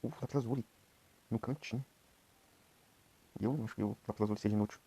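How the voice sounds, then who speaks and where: A young Brazilian man giving quiet, rambling commentary while he plays a game. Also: on the low side, fairly even intonation, fast talker, husky. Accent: Brazilian Portuguese. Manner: talks quietly at night, rambling. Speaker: gameplay streamer. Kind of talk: casual gameplay commentary.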